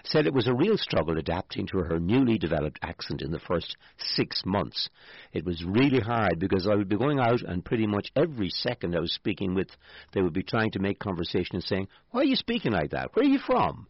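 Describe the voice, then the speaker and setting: Lively wry male radio host. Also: low voice, fairly quick, slightly rough, dry recording, highs cut off. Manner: wry asides, lively intonation. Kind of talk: casual radio chat reading a news story.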